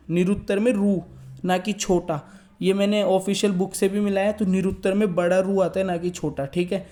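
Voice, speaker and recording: High-pitched guy tutor w/ going over exam answers, soft dark tone, keeps checking in w/ listeners. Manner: explains step by step, keeps asking "theek hai".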